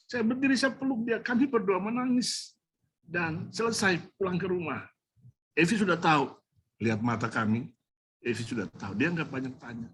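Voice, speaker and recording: A man's voice: high-pitched, expressive, moderate pace, a bit bright, a little hiss or hum. Emotional man preaching a testimony. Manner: emotional storytelling, addresses the congregation directly; slips English words and phrases into his speech. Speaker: pastor. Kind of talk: sermon with personal testimony.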